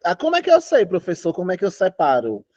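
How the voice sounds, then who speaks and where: A man's voice: sits high, huge pitch swings, fast, darkish tone, no echo, lo-fi sound. A man teaching a Portuguese class online, chatty, quizzing students and singing out syllables. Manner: chatty, asks students questions, sings out syllables.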